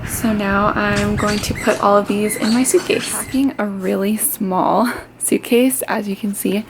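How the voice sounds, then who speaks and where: A woman talks to her vlog audience in an informal, chatty way. Her mid-pitched voice has plenty of fry, and clear noise sits behind it. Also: fairly even intonation, unhurried. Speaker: vlogger. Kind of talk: casual vlog chat to viewers.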